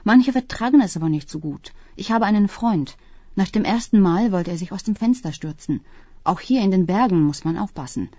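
A woman's voice: mid-range voice, animated, a little fast, mellow, no echo, lightly acted. A woman reading the lines of an irritable young man on a camping trip, grumbling and sulky. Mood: chatty. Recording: dull, dry close-mic sound.

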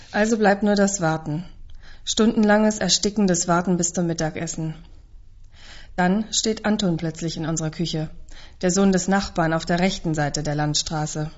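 A woman with a fairly low voice reads a literary novel in the first person. Her delivery is measured, subdued and introspective. The recording sounds a little dull and lo-fi. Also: darkish tone. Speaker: audiobook narrator.

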